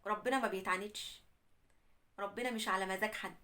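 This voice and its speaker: Fast-talking Egyptian woman storyteller. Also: mid-range voice, steady tone, bright, forceful tone. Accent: Egyptian Arabic. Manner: earnest, admonishing. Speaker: host reading a listener's story. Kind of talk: first-person storytelling and religious advice.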